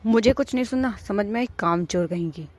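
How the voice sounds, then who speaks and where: A woman's voice: medium pitch, a little fast, darkish tone, lightly acted. A woman voicing a scheming, bossy old mother-in-law in a cartoon, scolding and nagging. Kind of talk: cartoon voice acting.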